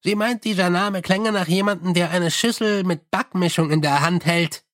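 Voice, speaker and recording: A man's voice: sits high, normal speed, a bit bright, dry recording, studio quality. A man doing a chatty, cheeky little corporal. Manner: chatty, eager, unbothered. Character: scruffy small male corporal, chatty and cheeky.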